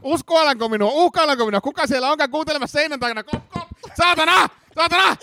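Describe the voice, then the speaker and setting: A man voicing a jittery, whiny male suspect in a comic script read-through, shrill and melodramatic. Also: bright, forceful tone, a little hiss or hum, full character voice. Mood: frantic.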